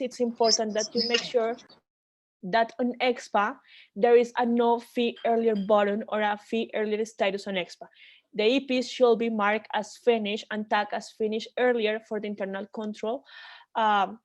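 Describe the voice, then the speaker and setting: A woman leading an online training call, explaining rules step by step with frequent restarts. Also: medium pitch.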